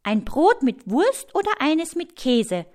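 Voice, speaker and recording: A woman's voice: sits high, very animated, slow, voice pushed up, full character voice. A woman voicing an eager young girl who dreams of becoming a dinosaur researcher. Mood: friendly. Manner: eager, bright. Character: curious excited young girl explorer.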